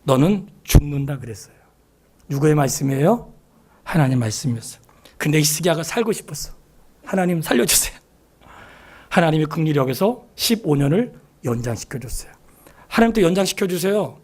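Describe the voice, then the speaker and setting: A man preaching a sermon in a church, acting out quoted voices and swinging between loud exclamations and hushed asides. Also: a little high, sing-song, brisk, long pauses, husky. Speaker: pastor. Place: church sanctuary.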